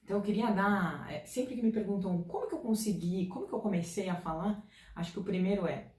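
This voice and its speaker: A woman from Brazil talks through career tips in a chatty, informal way, her voice mellow and a little dark. She sits away from the mic in a room with a noticeable echo. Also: mid-range voice, a little fast. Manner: chatty and informal, direct advice. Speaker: career advice vlogger. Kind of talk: casual career-advice talk to camera. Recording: distant mic in an echoey room.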